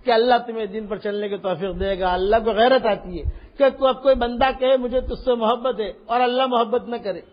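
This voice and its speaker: High-voiced older man preaching with passion. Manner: impassioned, acts out the story's speakers, rises to shouts. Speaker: Islamic preacher. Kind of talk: Urdu sermon with storytelling. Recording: dull lo-fi archival sermon recording.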